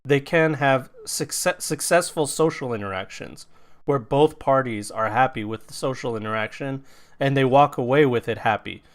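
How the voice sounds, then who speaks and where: A young man co-hosts a casual podcast, venting bluntly and swearing freely. His voice is smooth and resonant and sits at an ordinary pitch for a man. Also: moderate pace. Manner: blunt, profane, animated venting. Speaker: podcast co-host.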